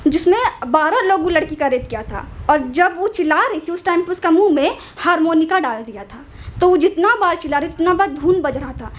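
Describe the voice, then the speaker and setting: A woman's voice: very high voice, lively intonation. A young woman, doing stand-up storytelling, then reciting a solemn poem on a small stage. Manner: chatty, laughing through the story, then slow and solemn in the poem. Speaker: stand-up comic and poet.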